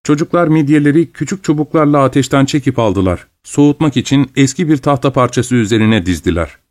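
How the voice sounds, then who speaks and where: A man narrating a novel as an audiobook in a steady, even storytelling delivery. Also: mid-range voice, brisk. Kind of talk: scripted narration.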